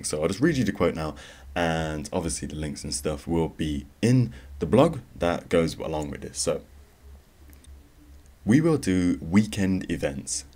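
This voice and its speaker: A man's voice: rumbling low, a little mellow. A young man hosting a solo gaming podcast, talking in a rambling, conversational way with plenty of fillers and restarts. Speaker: podcast host.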